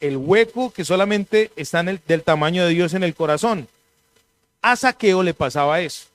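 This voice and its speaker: Lively preacher man. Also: high-pitched, moderate pace, dry recording. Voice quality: clears throat now and then. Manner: animated storytelling, mimics voices in anecdotes. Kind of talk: sermon.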